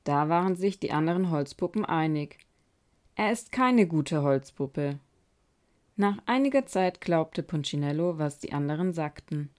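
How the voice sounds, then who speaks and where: A woman podcast host reading a children's story aloud in a calm, measured way. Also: low-pitched.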